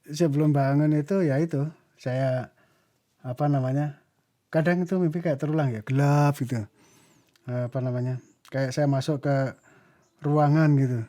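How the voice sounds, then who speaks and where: Reflective man with a mellow, higher voice. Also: fairly even intonation, normal speed, pauses often. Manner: reflective, mixing in English phrases, acting out dialogue. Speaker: guest. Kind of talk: recounting a personal story in conversation.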